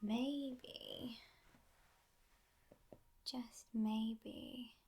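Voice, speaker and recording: A woman playing a teasing but gentle devil in an ASMR role-play, in a breathy, hushed voice with musing pauses. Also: a little high, fairly even intonation, heavily acted. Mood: teasing, probing. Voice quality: breathy, husky soft voice.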